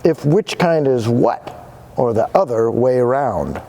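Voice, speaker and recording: A man's voice: mid-range voice, animated, slow, vocal fry, warm tone, a little hiss or hum. A man voicing haughty, bragging small storybook creatures. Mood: snooty. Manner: sniffy, haughty.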